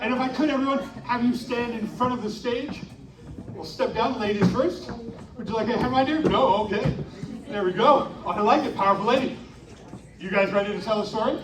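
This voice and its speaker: A man performing a live interactive story show at a winter carnival, coaxing the audience into shouted call-and-response. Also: extremely high pitch, brisk, background noise. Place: outdoor winter carnival stage. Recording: echoey, distant live recording with crowd.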